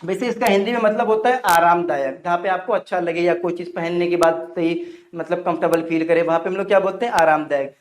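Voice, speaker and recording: A man's voice: sits high, fast talker, echoey room, slight background noise. Indian guy teaching english words online, keeps asking and answering himself. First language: Hindi. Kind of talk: online English pronunciation lesson.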